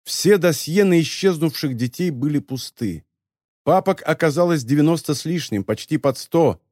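Brief: male narrator, fairly high voice, lively intonation, close dry sound. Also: normal speed, dry recording. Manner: expressive storytelling. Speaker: audiobook narrator. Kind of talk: scripted narration.

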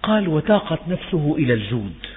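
An older man preaches a religious lesson, telling stories and slipping between formal and everyday speech. His voice is husky and carries a long echo from a large hall. The recording sounds thin and tinny, like a phone line. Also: fairly high pitch, big pitch swings, fast. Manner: storytelling, mixes classical and colloquial Arabic, rises in emphasis.

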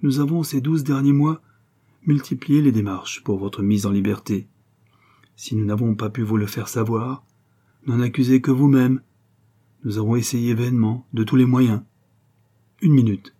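A man reading the part of a composed young gentleman who speaks frankly and tries to make peace. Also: medium pitch, normal speed, long pauses, slightly rough, close to an everyday voice. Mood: pleading. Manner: frank and conciliatory.

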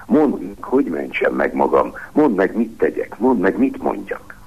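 A man's voice: sits low, sing-song, slightly rough, voice pushed up, heavily acted. A man reading as a wretched, pleading beggar. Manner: desperate, pleading. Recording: dull lo-fi radio broadcast.

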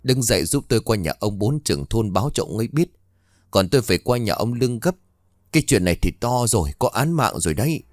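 A man doing a gruff older villager. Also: fairly low pitch, very animated, fast, no room sound, clean studio sound. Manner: gruff, commanding.

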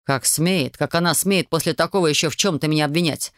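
Male narrator, first-person audiobook, fairly high voice, dry booth sound, brooding. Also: fast talker, a bit bright, no echo.

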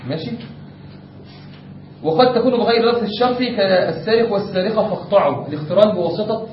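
A man's voice: high-pitched, fast talker. A man with an Egyptian accent teaching a class on Islamic jurisprudence, explaining step by step and often checking whether the class follows. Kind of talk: classroom lecture. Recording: echoey room, distant lo-fi mic with faint noise.

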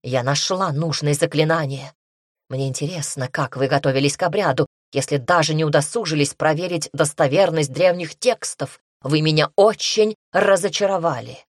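Brief: woman reading as a stern commanding sorceress, low and husky. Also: moderate pace, no echo, studio quality. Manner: stern, reproachful. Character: stern commanding sorceress scolding young women.

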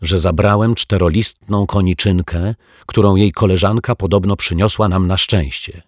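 A man's voice: sits low, steady tone, normal speed, no room sound, studio quality. A man voicing a sulky, defensive boy who bickers with his sister. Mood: huffy.

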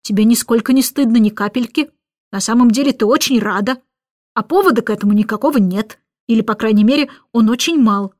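A woman voicing a grumbling middle-aged father in a storybook reading, loud and hurried. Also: on the high side, no room sound, clean studio sound, lightly acted. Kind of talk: audiobook character reading.

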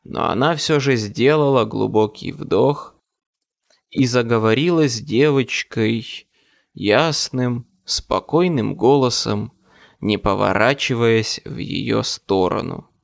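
A male audiobook narrator telling a first-person story in a measured, dramatic way. His pace is slow and unhurried, with a gravelly edge to a mid-pitched voice.

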